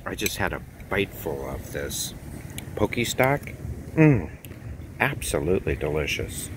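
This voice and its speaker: Man in his 50s, travel vlogger, low voice, relaxed and chatty, phone at arm's length, noisy outdoor audio. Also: a little slow. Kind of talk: casual vlog narration. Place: outdoor beachfront restaurant at night.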